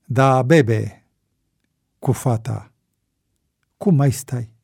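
A man voicing a calm, laconic man with a mustache. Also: medium pitch, vocal fry, husky, dry recording, studio quality. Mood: dry.

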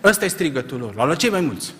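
Emphatic preacher in a long-echoing hall. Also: male voice, fairly high pitch, very animated, a little hiss or hum. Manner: emphatic, rhetorical questions, swings from quiet to loud. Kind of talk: sermon.

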